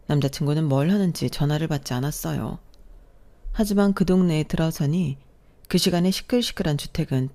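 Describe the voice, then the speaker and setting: A woman's voice: low-pitched, dark tone. A woman narrating a first-person story in a confiding storytelling manner.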